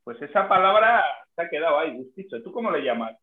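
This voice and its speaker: A man's voice: fairly high pitch, sing-song, fast talker. Man with echoey tinny sound. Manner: hesitant, many restarts and fillers. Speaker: podcast co-host. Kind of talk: casual chat. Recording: echoey room over a tinny phone-like line.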